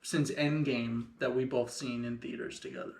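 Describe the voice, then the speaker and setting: A man's voice: medium pitch, steady tone, moderate pace, vocal fry, darkish tone, distant mic. A young man with a Maryland accent chatting casually with his brother, rambling and laughing, putting on voices. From Maryland, USA. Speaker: podcast co-host. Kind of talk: casual chat between brothers. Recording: echoey room, voice off-mic.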